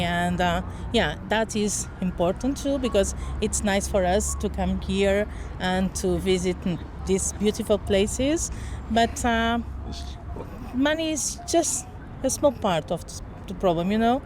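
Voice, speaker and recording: A woman from Portugal in her fifties talks outdoors in a city street interview, and Portuguese is her first language. She speaks in a thoughtful, halting way and pauses to search for words. Clear traffic noise runs behind her. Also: medium pitch. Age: 50s.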